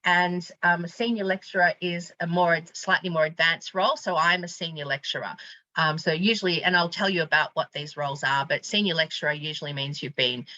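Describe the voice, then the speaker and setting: A woman lecturer talks a class through job hunting in a bright, forward voice, loose and chatty with plenty of ums and restarts. The sound is dry and a little dull, like a home video call. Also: fairly low pitch, steady tone, brisk, no room sound. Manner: chatty, informal, many fillers and restarts. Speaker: university lecturer teaching a class.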